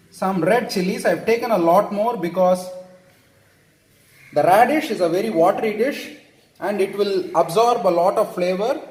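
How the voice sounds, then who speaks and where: A high-voiced man from India, with an Indian English accent, walks through his home cooking in a reverberant kitchen. His tutorial is casual and chatty, full of self-corrections and frequent "okay?" check-ins.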